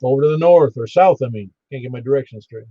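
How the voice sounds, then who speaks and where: A man working as a ham radio net controller, halting and easygoing as he takes an informal roll call. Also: medium pitch, no room sound. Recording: dull band-limited ham radio audio.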